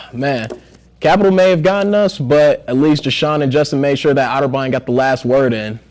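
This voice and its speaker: A man's voice: mid-range voice, a little fast, a little mellow. A man hosting a campus news show, introducing segments in an easygoing, conversational way. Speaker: news anchor.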